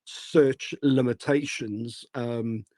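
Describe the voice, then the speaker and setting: Hoarse man giving casual advice. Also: mid-range voice, steady tone, extremely slow, warm tone, no room sound. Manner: rambling, many fillers and restarts. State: hoarse, losing his voice. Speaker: guest speaker. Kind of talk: casual advice in a live audio room. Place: online live audio room.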